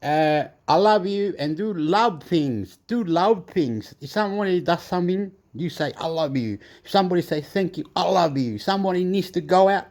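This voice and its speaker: A man's voice: high voice, a little mellow. A man from southern Chile with a Chilean accent, chatting loosely through a home cooking vlog, rambling and mixing English with Spanish. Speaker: cooking vlogger. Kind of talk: casual cooking vlog with pep talk. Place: home kitchen.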